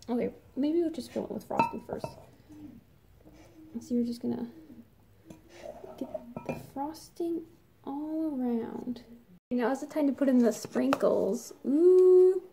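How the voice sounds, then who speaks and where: A woman's voice: high-pitched, gravelly, warm tone, slight background noise. A woman hosting a casual prank vlog, chatty and bubbly, with whispered asides. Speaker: vlogger.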